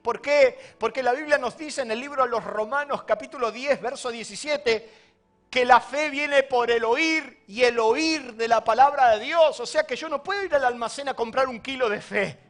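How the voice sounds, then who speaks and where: High-voiced Argentine preacher with dramatic swings. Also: male voice, normal speed, fairly bright tone, faint music behind. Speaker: pastor. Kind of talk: sermon.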